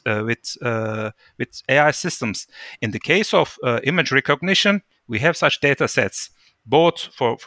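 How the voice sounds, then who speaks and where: Bright-voiced man explaining thoughtfully. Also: medium pitch, dry recording, clean studio sound. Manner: thoughtful, explaining with lively emphasis. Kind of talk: casual discussion.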